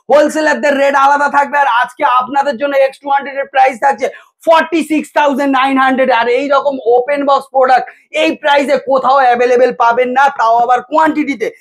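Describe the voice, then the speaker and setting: A man from West Bengal doing a promotional sales pitch inside a phone shop, teasing viewers with rhetorical price questions. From West Bengal, India.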